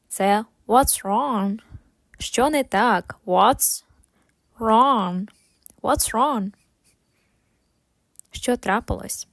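A woman teaching English phrases, saying each one slowly and clearly, then repeating it with expressive intonation. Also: a little high, no room sound. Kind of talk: slow phrase drills with Ukrainian translations.

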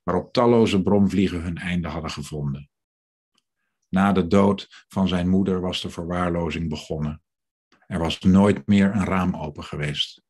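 A man reading aloud from his novel in a measured, steady way. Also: deep voice, slightly rough. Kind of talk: literary reading.

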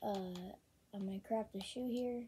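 A woman casually talking through a video game, with many ums and excited bursts over card pulls. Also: mid-range voice, measured pace, slight background noise. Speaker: gaming channel host. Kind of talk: casual gameplay commentary.

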